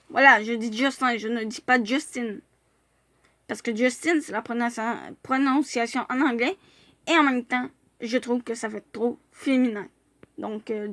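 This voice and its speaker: A woman's voice: on the high side, bright, forceful tone, no room sound. A woman chatting casually in a vlog as she reviews fan profiles, hesitating often with filler sounds and restarts.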